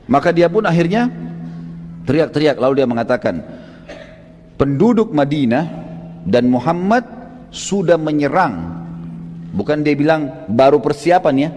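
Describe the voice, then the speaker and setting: A man preacher telling a religious story as a vivid storyteller, often rising into loud exclamations and addressing listeners as friends. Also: on the high side, long reverb tail. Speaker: Islamic preacher.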